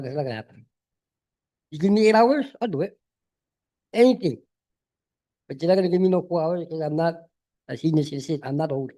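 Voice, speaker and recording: A man in his late fifties speaks up from the audience, pressing his point and circling back to it again and again. His voice sits fairly high for a man, with a dark, mellow tone. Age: 50s. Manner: insistent, emphatic, repeats himself. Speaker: audience member asking a question. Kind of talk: public Q&A question.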